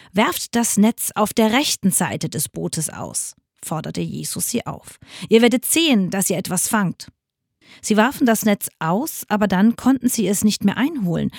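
A woman reading Bible passages aloud in a radio church service, measured and expressive. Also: mid-range voice, no echo, clean studio sound. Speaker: scripture reader.

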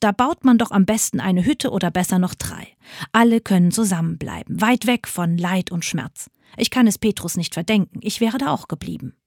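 A woman's voice: medium pitch, a little mellow, dry recording, clean studio sound. A woman giving a scripted spiritual reflection, speaking in a personal, earnest way. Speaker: devotional speaker.

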